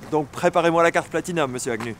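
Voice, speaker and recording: A smug young employee, played by a man, talks with easy, self-satisfied smoothness. His voice sits a little above the usual male range, with faint noise in the background. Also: on the high side, fast talker, fairly bright tone, lightly acted.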